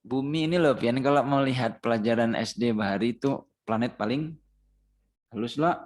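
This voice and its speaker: A man's voice: medium pitch, normal speed, a little mellow. A man with a Banjar Indonesian accent teaching a Ramadan Quran recitation class. He patiently chants verses as examples and quizzes his students.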